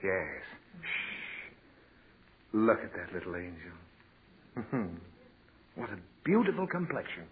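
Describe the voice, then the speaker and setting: An actor in a 1940s radio comedy plays a sentimental, easily flustered father lecturing his naughty daughter, patient yet fussy. His deep voice is exaggerated and sing-song, moving slowly with long pauses. The broadcast sounds tinny and old, with a faint hiss.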